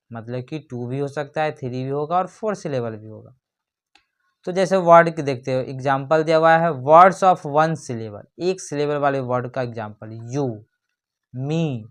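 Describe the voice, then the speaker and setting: A grammar teacher giving an explanatory lesson, reading definitions slowly and then explaining them with rhetorical questions. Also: mid-range voice.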